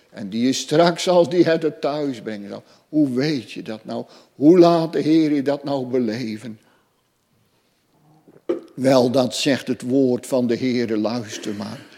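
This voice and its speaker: A man preaching a sermon to his congregation, swelling loud and fervent, then dropping low and soft. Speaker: pastor. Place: church hall. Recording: long church reverb.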